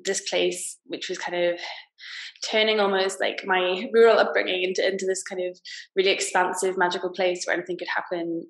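A woman, a guest novelist talking casually about her book on a video call, slightly croaky from a cold, with lots of fillers and restarts. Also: mid-range voice, fairly bright tone. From Wales. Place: small plain room indoors. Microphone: laptop video call. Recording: roomy video call audio.

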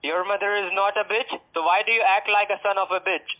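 A man's voice: high voice, steady tone, quick pace. A man on a phone call, hurling profane insults in broken English. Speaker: phone scammer. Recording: tinny phone line.

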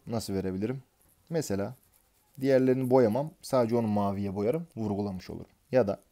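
Lively, mellow-voiced male lecturer. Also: medium pitch. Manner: addresses listeners as teachers, asks and answers own questions. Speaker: exam prep teacher. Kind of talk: lecture explaining concepts.

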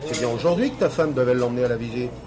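A man's voice: mid-range voice, very fast, natural voice. An actor playing a friendly, earnest factory union man chatting with a workmate, in 1970s TV drama style. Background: bar crowd chatter.

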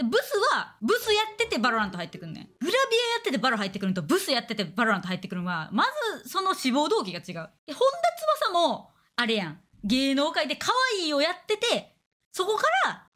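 A young woman streamer with a Kansai accent rattles through a casual chat at high speed. Her voice sits slightly high and swings widely in pitch. She talks bluntly and crudely. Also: fairly bright tone. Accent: Kansai Japanese. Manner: blunt, crude, fast banter with acted-out quotes.

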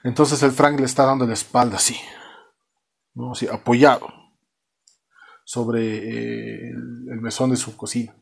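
A young man from Bolivia casually retelling a cartoon episode, animated and laughing as he acts out the characters. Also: medium pitch, unhurried, vocal fry, long pauses, slightly rough. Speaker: host reviewing a cartoon series.

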